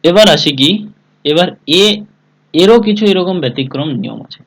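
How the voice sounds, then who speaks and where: A man's voice: a little high, expressive, moderate pace, creaky, a bit bright, rough recording. A man teaching an online English class, spelling words letter by letter and often asking his students whether they follow. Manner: calls on students by name. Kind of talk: live online class lesson.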